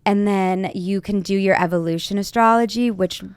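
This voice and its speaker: A woman's voice: medium pitch, normal speed, clear, resonant tone, no room sound. A woman hosting an astrology chat show, talking in a bubbly, upbeat way full of "like". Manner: bubbly, upbeat, filler-heavy. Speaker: astrologer podcast host. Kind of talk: casual interview chat.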